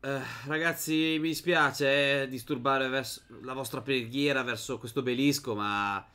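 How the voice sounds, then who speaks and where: A young man giving casual let's-play commentary as host of a gaming channel, chatting to his viewers and to the game's characters, and breaking into high shouts in fights. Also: moderate pace, clear, resonant tone. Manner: excitable, bursts into high shouts during fights.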